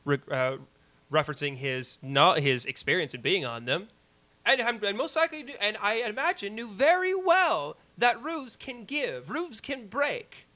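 A man's voice: high-pitched, lively intonation, unhurried, pushed and bright, full character voice. A man playing a wordy, persistent courtroom lawyer who argues formally and stumbles through his case in an improvised mock trial. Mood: argumentative.

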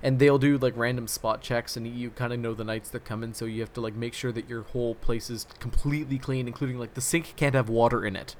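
A man co-hosting a podcast, telling a story in relaxed, casual chat with lots of fillers. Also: mid-range voice, fast, hardly any pauses, slight background noise. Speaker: podcast co-host.

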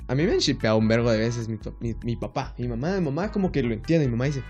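A young man with a Guatemalan accent co-hosting a podcast, telling animated, profane stories. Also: medium pitch, fast talker, soft background music. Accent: Guatemalan Spanish. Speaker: podcast co-host. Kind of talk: casual chat.

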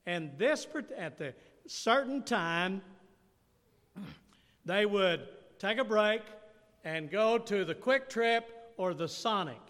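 Bright, high-voiced man preaching in a hall. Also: lively intonation, slow, long pauses. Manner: keeps asking the listeners questions. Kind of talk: interactive sermon.

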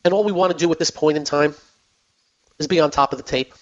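Hosting a finance call-in show, a man talks fast and fairly high in pitch while his voice grows hoarse. His chat about the markets is loose and repetitive, full of fillers, and comes through a dull, lo-fi broadcast.

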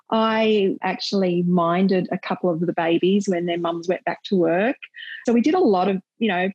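Brief: middle-aged woman, husky lowish voice, dry close sound, chatty with easy laughs. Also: a little mellow, no room sound, rough recording. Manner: chatty, laughs often, earnest. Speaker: maternal and child health nurse and volunteer. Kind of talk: casual interview chat.

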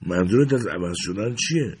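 A man's voice: on the low side, expressive, darkish tone, slightly rough. A man reading the part of a guarded, wistful farm wife in a story, asking short, clipped questions.

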